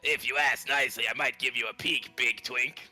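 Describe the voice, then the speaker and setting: A man voicing a flirty, teasing head nun with slow, theatrical movie-villain menace in a playful game read-aloud. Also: mid-range voice, fairly even intonation, pushed and bright, faint music behind.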